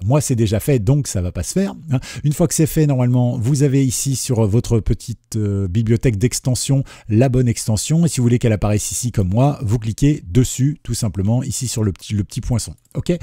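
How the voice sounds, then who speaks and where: A man walks viewers through a screen-recorded software tutorial in a relaxed, chatty voice. His tone is very dark and mellow with a husky edge. The recording is dry and close, with no room sound. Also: medium pitch, no echo. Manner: relaxed, chatty explaining with frequent fillers. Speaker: tech tutorial host.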